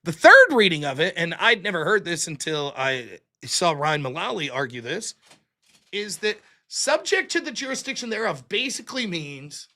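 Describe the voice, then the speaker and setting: A high-pitched, bright, forceful male voice belongs to a livestream host doing political commentary on his own. He explains a legal reading point by point, arguing emphatically.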